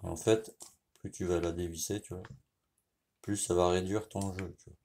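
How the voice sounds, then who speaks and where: Low, dark-voiced French man explaining. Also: little pitch movement. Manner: informal, speaks directly to the viewer, frequent "tu vois"; explains while working, with pauses and restarts. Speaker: motorcycle mechanic. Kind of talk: casual hands-on tutorial.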